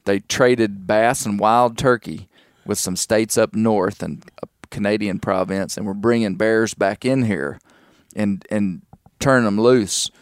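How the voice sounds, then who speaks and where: Low-voiced man interviewing casually. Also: a little slow, clear, resonant tone, no room sound, clean studio sound.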